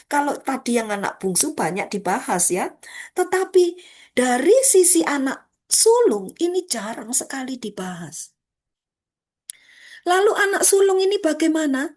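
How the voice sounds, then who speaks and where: A woman evangelist preaching a sermon over a video call, telling a story with animated voices for its characters. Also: high voice.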